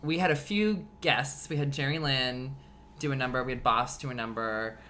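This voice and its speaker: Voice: medium pitch, normal speed, bright, forceful tone, slight background noise. A podcast co-host chatting casually with playful affirmations.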